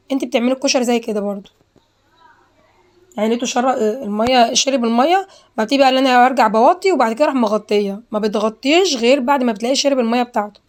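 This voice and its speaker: Egyptian woman, home cooking host, rapid chatty delivery, slightly high voice. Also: a little mellow. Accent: Egyptian Arabic. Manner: chatty, repeats herself, addresses viewers directly. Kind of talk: casual cooking tutorial.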